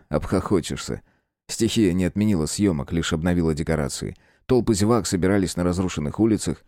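A man narrating a horror novel as an audiobook, expressive and tense in his storytelling. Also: low-pitched, dry recording, clean studio sound. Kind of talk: scripted narration.

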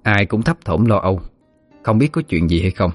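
A man's voice: on the low side, expressive, normal speed, no echo, soft background music. A man narrating a ghost story vividly.

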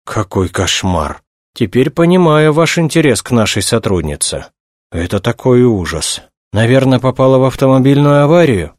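A man's voice: medium pitch, sing-song, normal speed, no echo, clean studio sound, voice pushed up, lightly acted. A man reading aloud, voicing a fussy older male official who speaks in a plaintive, exclaiming way. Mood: lamenting.

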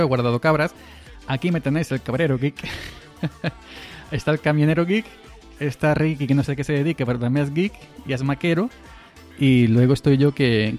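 A podcast host in his forties from Granada, southern Spain, chats rambly on a live stream, chuckling and repeating words often. His voice is medium-pitched and a little mellow, captured on a desk mic via an audio interface over faint background music.

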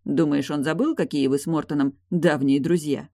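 A woman's voice: low voice, steady tone, moderate pace, mellow, no room sound, studio quality. A woman reading an audiobook, voicing a weary, curt male guard investigator who talks in a terse, defensive way.

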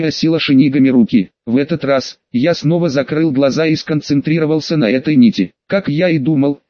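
Higher-pitched man reading, muffled and dry. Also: no room sound. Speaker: audiobook narrator. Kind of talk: first-person audiobook narration. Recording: dull, muffled dry recording.

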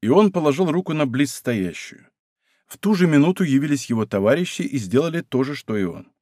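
A male narrator reads an adventure story with lively, dramatic intonation. His pitch sits slightly high. The recording is close and dry. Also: brisk, no echo. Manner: expressive, dramatic reading. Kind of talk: audiobook narration.

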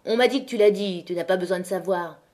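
A woman's voice: quick pace, darkish tone, lightly acted. A woman voicing a quarrelsome miner's wife who hurls accusations in an audiobook. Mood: accusing. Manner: accusing, shrill. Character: quarrelsome miner's wife, sharp-tongued gossip.

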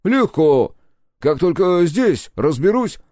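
A male narrator voicing a brash, hot-tempered buddy in an audiobook, shouting and cursing with raised, forceful lines. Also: medium pitch, very animated, unhurried, dry recording, studio quality, pitched above the performer's own voice.

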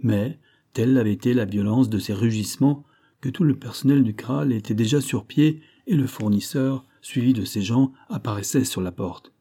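A man narrating a classic adventure novel as an audiobook in a measured, steady way. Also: medium pitch, breathy edge.

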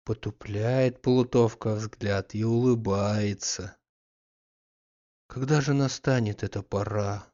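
A man voicing a lazy, dreamy middle-aged gentleman with a drowsy, wistful manner, in a slightly muffled audiobook recording. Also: fairly low pitch, steady tone, slow pace. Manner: drowsy, wistful, then fussy.

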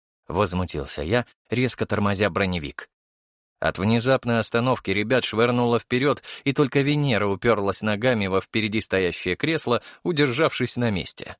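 A man narrating first-person fiction for an audiobook in an expressive, animated manner. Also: on the low side, normal speed, no room sound, clean studio sound.

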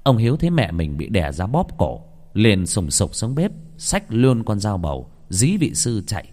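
A man tells a ghost story in a low, lively voice that rises and dips expressively. A long hall-like reverb hangs behind every line. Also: normal speed. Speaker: narrator. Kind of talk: scripted horror story narration.

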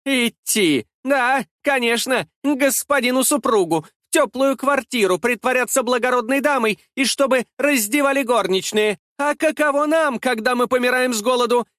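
Audiobook role: a male reader playing a coarse, jealous extortionist woman, piercingly shrill and sneering. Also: moderate pace, few pauses, no room sound, studio quality. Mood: mocking. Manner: shrill, mocking, shouting.

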